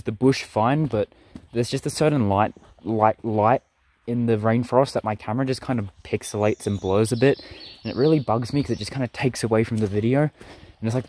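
A man's voice: on the low side, darkish tone, a little hiss or hum. A young man, chatting in an easygoing, rambling way as he narrates his vlog and comments on a bushwalk. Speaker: vlogger.

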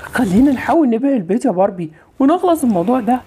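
A woman voicing Ken, a nervous young husband with an Egyptian accent, rushed and worried in an amateur game movie. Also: a little high, very animated, mellow, slightly rough, exaggerated voice. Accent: Egyptian Arabic.

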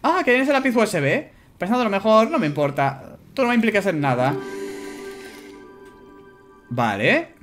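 A man with a Spanish accent giving casual, animated commentary on a video game as he plays, swearing and shouting at his own mistakes. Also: sits high, moderate pace, pauses often. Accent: Spanish from Spain. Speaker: gameplay YouTuber. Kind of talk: casual let's-play commentary. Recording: music playing behind.

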